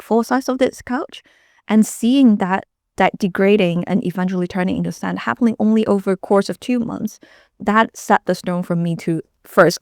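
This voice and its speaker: A woman in her thirties from Hong Kong, a company founder telling her story in a measured, thoughtful way on a panel. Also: mid-range voice, creaky, a little mellow, no room sound, studio quality. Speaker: startup founder and CEO. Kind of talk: panel conversation.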